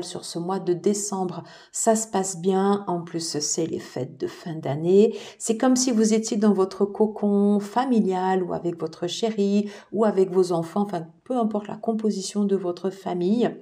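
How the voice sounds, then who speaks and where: A woman giving a casual tarot reading to her viewers, soft-spoken and peppered with fillers like "voilà" and "alors". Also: mid-range voice, unhurried, few pauses. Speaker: tarot reader.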